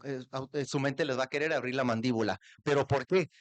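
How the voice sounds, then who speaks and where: A man with a Mexican accent giving a lively, interactive university talk in a theater, often asking the audience to repeat sounds aloud. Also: mid-range voice, a little fast, dry recording. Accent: Mexican Spanish. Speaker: lecturer.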